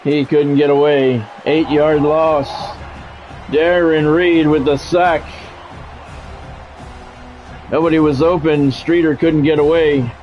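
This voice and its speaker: An American man streams live play-by-play of a football video game, calling the action in short, clipped, radio-style sportscaster phrases and chatting casually with viewers. His voice is on the high side, steady, and unhurried. The lo-fi mic sounds dull, with music in the background.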